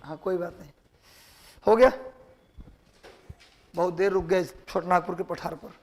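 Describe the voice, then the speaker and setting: Bihari-accented guy teaching a class, high voice, asks questions then answers them himself, repeats stuff so you can write it down. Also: fairly even intonation, measured pace, darkish tone. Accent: Bihari Hindi. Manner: quizzes students, repeats answers for dictation. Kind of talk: classroom lecture.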